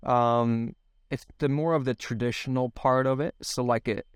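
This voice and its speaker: In a dry recording, a thirties-aged man from Sweden talks in Swedish-accented English with a clear, resonant mid-range voice, fairly even intonation and normal speed. He's a podcast guest reflecting casually, often using fillers and restarting.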